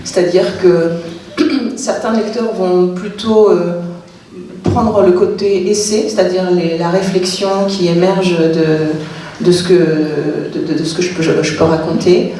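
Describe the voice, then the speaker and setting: A woman's voice: fairly low pitch, fairly even intonation, a little slow, warm tone, slight background noise. A woman author speaking at a public literary talk, hesitant, with many fillers and restarts. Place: cultural centre hall. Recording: echoey hall from far off.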